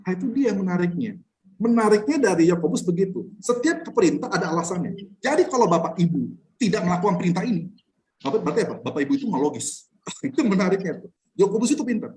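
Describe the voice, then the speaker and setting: Male pastor, quick and lively delivery, casual Bible-study teacher who pokes at his listeners with questions. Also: high-pitched. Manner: animated, blunt, rhetorical questions to the audience; chuckles between points. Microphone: online class recording.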